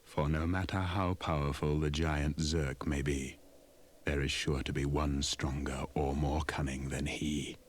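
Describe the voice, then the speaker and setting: This is a slightly slow bass voice with flat delivery and a little hiss or hum on the recording. The man plays a world-weary, solemn namer of war machines, gravely and portentously narrating a children's audio story against loud music in an ominous mood.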